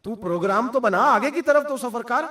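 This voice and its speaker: A man's voice: very high-pitched, expressive, pushed and bright, roomy sound, recorded from a distance. A man preaching a sermon, firing rhetorical questions at his congregation.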